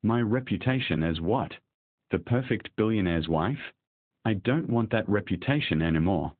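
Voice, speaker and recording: A man's voice: on the low side, expressive, normal speed. A man reading a resolute young wife. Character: resolute young wife done being passive. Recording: dry, tinny phone-like sound.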